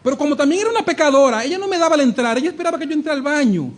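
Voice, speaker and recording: A male pastor preaches in a strikingly high voice. He acts out the voices he quotes, drops to a hush, then rises to a shout. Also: rapid-fire. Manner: animated preaching, acting out quoted voices, shifting between hushed and shouted. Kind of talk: sermon.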